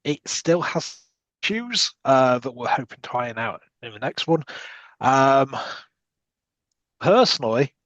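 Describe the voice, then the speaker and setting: A man's voice: medium pitch, dry recording. A British man hosting a casual podcast chat, rambling with lots of ums while he explains game types. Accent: British English. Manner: relaxed, rambling with many ums. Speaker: podcast host. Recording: dull lo-fi mic.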